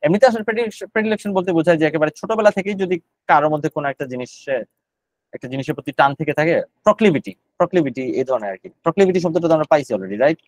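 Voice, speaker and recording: A man's voice: on the high side, expressive, very fast, dry recording, poor audio. A man teaching GRE vocabulary in a live online class, explaining each word in Bengali with English terms mixed in and repeating the words as he goes.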